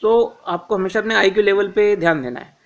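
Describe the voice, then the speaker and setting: A man giving informal career advice to viewers, calling them friends, repeating his reminders and often pausing on filler sounds. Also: sits high. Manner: addresses listeners as friends, frequent "uh" fillers; instructive, repeats key reminders.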